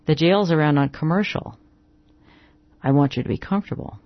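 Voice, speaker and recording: A reader voicing a calm young male deputy marshal in a western story reading, speaking softly and evenly without emotion. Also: medium pitch, fairly quick, muffled recording, close to an everyday voice. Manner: soft, even, without emotion.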